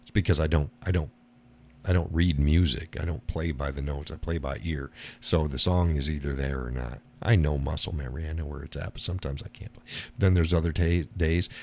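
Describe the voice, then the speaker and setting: Over slight background noise, a man with a darkish tone hosts a relaxed live stream, speaking bluntly and rambling. He swears and laughs often and takes on a higher voice to impersonate people.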